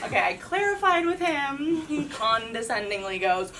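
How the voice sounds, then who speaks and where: Young woman, stand-up comedian, sarcastic and profane, very expressive pitch, heard from afar over noisy room. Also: moderate pace. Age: young adult. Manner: profane, sarcastic, animated delivery. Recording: distant mic with loud room noise.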